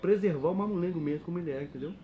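A man who works as a mamulengo puppeteer, explaining his craft casually and speaking in quick bursts with restarts. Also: on the high side, muffled recording. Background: loud guitar music.

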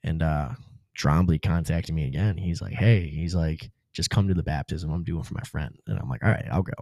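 A man's voice: a bass voice, a little fast, creaky, a little mellow, no echo, studio quality. A man guest on a podcast, telling a personal story in a casual, laid-back way, full of slang like "dude" and "bro".

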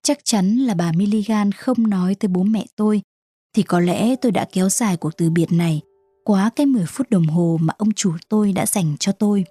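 A woman giving scripted first-person narration of a story in a steady storytelling manner. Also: medium pitch, a little fast, slightly rough, no room sound, clean studio sound, soft background music. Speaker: audiobook narrator.

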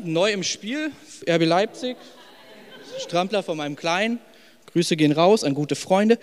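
A young man preaching a sermon in a personal, emphatic way, dropping to soft lines and rising to loud ones. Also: a little high. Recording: long hall reverb with faint music.

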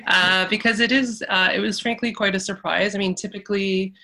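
A woman in her thirties, an architect talking modestly over a remote call, with many pauses and fillers. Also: medium pitch, fairly even intonation, bright, forceful tone. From Canada. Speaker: architect and guest. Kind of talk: casual interview.

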